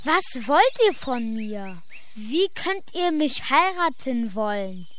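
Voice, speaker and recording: A woman's voice: fairly high pitch, sing-song, takes it slowly, slight background noise. A woman playing an exasperated, protesting young prince in a fairy tale audio play.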